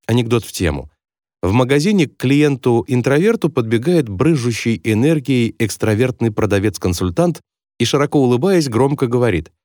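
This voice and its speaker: Lively instructive male audiobook narrator. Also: medium pitch, no echo, studio quality. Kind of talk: scripted nonfiction audiobook narration.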